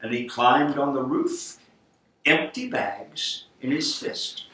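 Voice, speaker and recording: A middle-aged or older man reading a storybook aloud like a grandfather, with theatrical, rhythmic, deliberate delivery. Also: medium pitch, big pitch swings, a bit bright. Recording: roomy distant home recording, faint noise.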